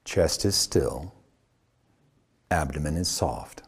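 Long pauses punctuate the short, unhurried phrases of a yoga teacher leading a guided meditation. He is a man with a husky bass voice and a calm manner.

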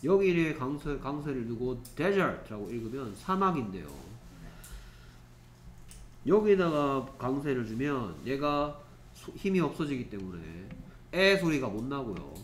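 A man's voice: medium pitch, very animated, a little hiss or hum. Echoey male English teacher lecturing. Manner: reads English sentences slowly, checks with "됐습니까?". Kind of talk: classroom lecture. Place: classroom.

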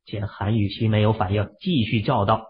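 A man narrates an audio drama at normal speed with steady storytelling pacing, his low-pitched voice husky and breathy. The recording sounds muffled and lo-fi.

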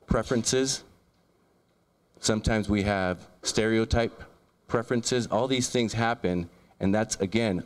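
A man in his thirties giving an earnest keynote talk with a handheld mic in a large lecture room, often restarting and repeating words as he lists ideas. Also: lowish voice. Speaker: keynote speaker. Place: large lecture room, in front of a projection screen. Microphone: handheld microphone.

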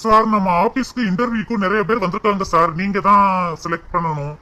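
A woman's voice: mid-range voice, fast, pushed and bright, lightly acted. A woman voicing a polite but exasperated male office manager in a cartoon, speaking in a formal, impatient way. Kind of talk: cartoon voice acting.

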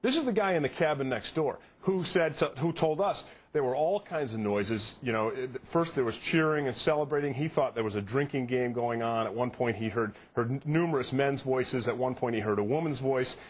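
A man's voice: medium pitch, husky. A man in his thirties, a TV host, giving an earnest, detailed account in a live studio news interview. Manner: earnest, quick, piles on details. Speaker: guest TV host reporting on a case.

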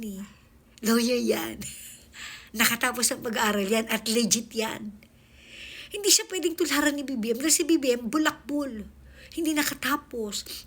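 A woman's voice: fairly high pitch, fairly bright tone. A woman vlogger giving casual reaction commentary, mocking, laughing often and swearing as she talks.

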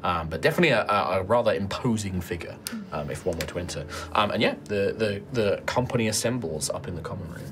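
A middle-aged man narrating a tabletop game as game master in a halting, conversational, descriptive way. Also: sits low, animated, background noise.

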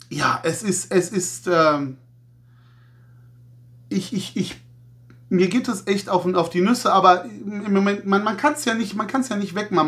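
Man, channel host, casual talk to camera, hesitant, reflective, many pauses. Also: high voice, fairly bright tone. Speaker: toy review channel host.

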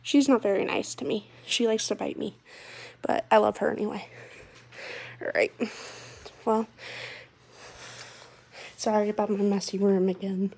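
A woman's voice: medium pitch, fairly even intonation, unhurried, creaky, long pauses, a little mellow, breathy edge. A young woman chatting casually in a pet vlog from her messy bedroom, a bit out of breath and unwell, rambling with lots of fillers. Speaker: vlogger.

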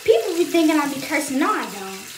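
A woman's voice: high voice, big pitch swings, fast, reverberant, far from the mic, slight background noise. A young woman, chatting playfully and rambling while doing her hair for her vlog. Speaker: vlogger.

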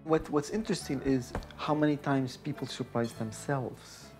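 A middle-aged man, an instructor, speaking reflectively in deliberate, halting phrases into a lapel mic. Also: mid-range voice, music in the background. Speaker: vision rehabilitation instructor. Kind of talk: reflective interview talk and narration. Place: small office.

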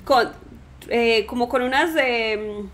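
A woman's voice: a little high, takes it slowly, fairly bright tone. A woman hosting a casual conversation lesson, often correcting her guest's words and exclaiming. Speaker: podcast host and Spanish tutor.

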